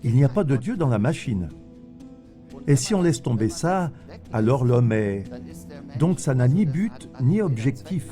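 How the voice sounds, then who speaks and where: A man voicing an interview guest's answers in a measured, explanatory way. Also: medium pitch, big pitch swings, warm tone, soft background music.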